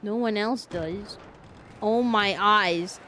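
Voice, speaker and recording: A woman's voice: mid-range voice, slow pace, bright, forceful tone, a little hiss or hum. A woman streamer giving casual gameplay commentary in a playful, giggly, chatty way.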